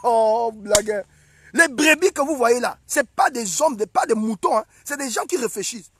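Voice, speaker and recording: A young man preaching an animated sermon as a prophet, emphatic and repetitive. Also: very high voice, a little fast, breathy edge, dry recording, studio quality. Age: young adult. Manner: emphatic and repetitive, acts out scenes.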